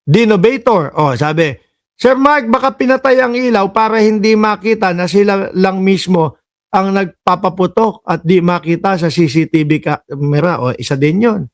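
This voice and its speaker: A man from the Philippines hosting political reaction commentary, sarcastic and animated, scolding the people in the clips and reading out viewer comments. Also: high voice, moderate pace.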